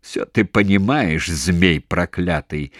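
A man's voice: deep voice, slow, dry recording, clean studio sound. A man doing a screaming cruel interrogator. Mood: cold sneer. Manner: cold hissing, then screaming. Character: cruel male military interrogator, bullying.

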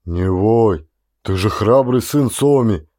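A stern corporal speaks in a firm, commanding tone with a fairly low voice, as a male narrator reads him in an audiobook. The sound is close and dry. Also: takes it slowly, mellow, no echo. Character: steady, stern army corporal. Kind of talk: audiobook character voice.

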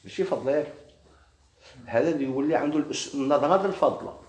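Moroccan guy teaching grammar, talks quick, keeps quizzing the class, roomy echo. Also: fairly high pitch. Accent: Moroccan Arabic. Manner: explains step by step, quizzing students with questions. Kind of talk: classroom lesson.

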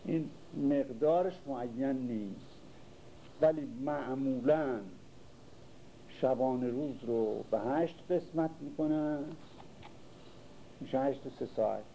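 Dark-voiced man reciting and explaining verse. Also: medium pitch, slight background noise, poor audio. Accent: Persian (Iran). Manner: recites verse slowly, then explains it in casual speech. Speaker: literature lecturer. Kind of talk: lecture on classical Persian poetry.

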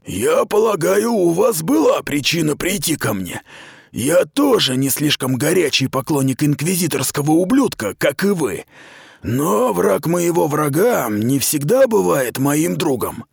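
A man's voice: fairly high pitch, sing-song, unhurried, vocal fry, slightly rough, dry recording, pitched above the performer's own voice, exaggerated voice. A man reading the part of a stern, dry middle-aged commander who talks down to a young woman in a storybook reading. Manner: cold, clipped, patronizing.

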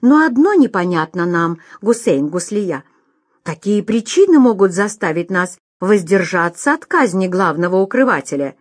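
A woman's voice: mid-range voice, very animated, normal speed, no echo, studio quality. A woman voicing a pompous, commanding male ruler in a storybook reading. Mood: imperious.

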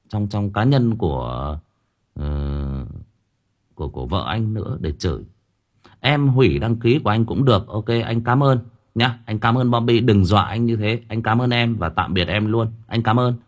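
With a lowish voice, lively intonation and a measured pace, an audiobook reader chats casually with his livestream listeners. He rambles along, often hesitating and repeating himself.

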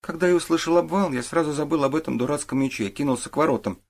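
A man's voice: on the high side, very fast, pitched above the performer's own voice. A man reading an audiobook, voicing a sullen teenage boy who answers in grudging mumbles. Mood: explaining. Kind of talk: audiobook character voice.

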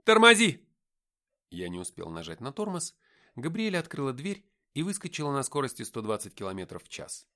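A man narrating an audiobook in an expressive storytelling way. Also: mid-range voice, fairly quick. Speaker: audiobook reader.

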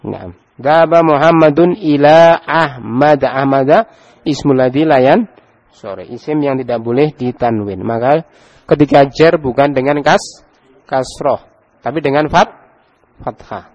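A man's voice: mid-range voice, a little slow, long pauses, darkish tone, dull audio. A man with an Indonesian Javanese accent teaching an Arabic grammar class, quizzing his students and prompting them to read aloud. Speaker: Islamic teacher.

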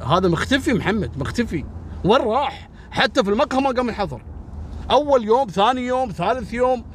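A man telling a crime story in a casual, animated, dramatic way and speaking directly to the listener. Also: very high voice, fast talker, slight background noise.

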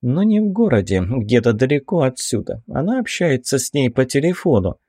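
A man's voice: medium pitch, sing-song, normal speed, warm tone, husky, dry recording, clean studio sound. A man voicing a sly, snarling five-hundred-year-old demon woman in an audiobook, with a mocking, defiant delivery. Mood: bitter. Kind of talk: audiobook character voice.

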